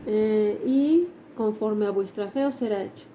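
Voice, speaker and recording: A woman's voice: medium pitch, measured pace, warm tone, slight background noise, rough recording. A woman with a Mexican accent teaching a Sunday school class, reading scripture aloud and explaining it, often adding tag questions. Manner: reads verses aloud, then explains them with tag questions. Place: church classroom.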